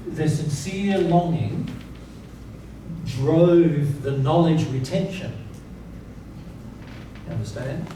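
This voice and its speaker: A man with a slightly high, dark-toned voice speaks slowly and pauses often as he informally teaches spiritual principles to an audience. He is emphatic, repeats key words, and asks rhetorical questions to make sure listeners follow. The reverberant seminar room is very echoey and noisy, picked up by a distant mic.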